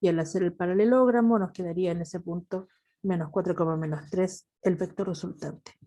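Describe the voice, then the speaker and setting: Teaching math by video call, a woman with a Chilean accent addresses her students with patience and affection. She has a fairly low, warm, steady voice and keeps a moderate pace in this online class lecture.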